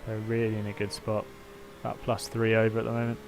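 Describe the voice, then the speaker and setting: A man's voice: fairly low pitch, monotone, quick pace, vocal fry, background noise. A man with a British accent in informal, matey livestream chat, giving race updates like a team engineer. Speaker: livestream host and sim racing team engineer.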